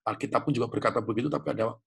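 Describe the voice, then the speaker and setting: Gravelly pastor preaching with fervor. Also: male voice, rapid-fire. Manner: impassioned, rhetorical questions, surges to high emphatic peaks. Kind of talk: sermon. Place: church hall, online service.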